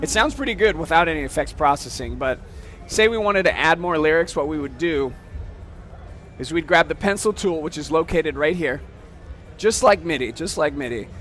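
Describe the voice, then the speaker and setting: A man with a slightly high voice walks through a software demo in a loose, casual way. He explains each step and keeps asking "okay?". Faint music plays in the background. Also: moderate pace. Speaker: software demonstrator. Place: trade show floor.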